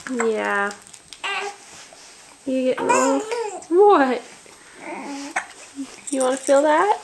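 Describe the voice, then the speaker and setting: Mom cooing at her baby, high voice, super slow, bit of fry. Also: noisy background. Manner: slow, soft, cooing and encouraging. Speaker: parent. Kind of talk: baby talk to an infant.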